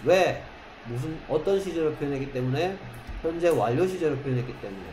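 A man teaching an English grammar lesson in a classroom, quizzing students with constant questions and reading English examples slowly, word by word. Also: on the high side, lively intonation, a little mellow, faint music behind. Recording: echoey classroom with faint noise.

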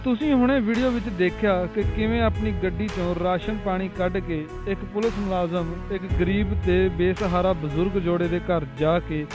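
A male reporter reading a scripted news story in an earnest, measured way. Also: sits high, steady tone, over music.

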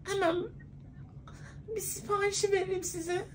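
Man doing a high-pitched coy woman's voice. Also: level tone, a little slow, a bit bright, a little hiss or hum. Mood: flirty, sweet. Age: 20s. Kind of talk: prank phone call. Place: clothing shop, indoors.

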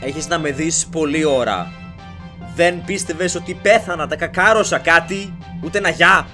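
A man hosting a let's play, giving excitable, jokey commentary as he plays and shouting at game characters. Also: on the high side, faint music behind. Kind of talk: live gameplay commentary.

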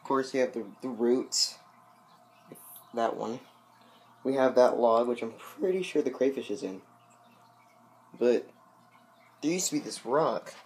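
A young man sits by the fish tank at home, chatting casually with his viewers about his aquarium. His medium-pitched voice is unhurried, a little mellow and a bit loose, and he rambles through lots of fillers and asides with long pauses.

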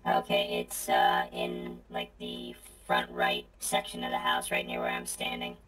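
Man through a deep voice changer. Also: measured pace, music in the background, rough recording. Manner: calm, gives short spotting directions. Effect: voice changer, very deep and flat. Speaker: crane operator teammate. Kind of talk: casual gaming chat over voice comms.

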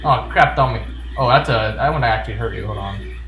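A gaming video host gives casual, jokey commentary and often talks back to the game's characters. His medium-pitched voice is brisk and a bit bright, with slight background noise, a roomy echo and video game music behind him.

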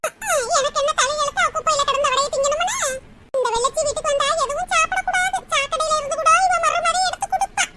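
A woman voicing a sharp-tongued, quarrelsome old mother-in-law in a cartoon comedy, with a nagging, scolding manner. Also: extremely high pitch. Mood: disgusted, scolding. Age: older. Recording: loud background noise.

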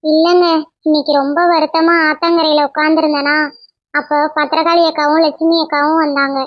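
Woman voicing a cartoon wife, high voice, soft, apologetic, dull lo-fi sound. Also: flat delivery, fairly quick, no echo, close to an everyday voice. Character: young wife making peace with her husband.

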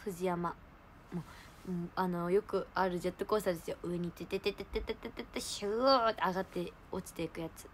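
A young woman, hosting a livestream and telling a story in animated casual chat. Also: fairly low pitch, a little fast, slight background noise. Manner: animated storytelling, laughing, exclaiming. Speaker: idol livestream host.

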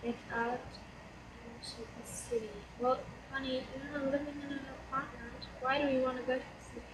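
Speaking fairly quickly in a high, level voice, a teenage German girl hosts a let's play with a German accent, chatty but hesitant and leaning on fillers. A slight cold leaves her hoarse. The laptop mic sits at a distance, giving a roomy sound with fan noise.

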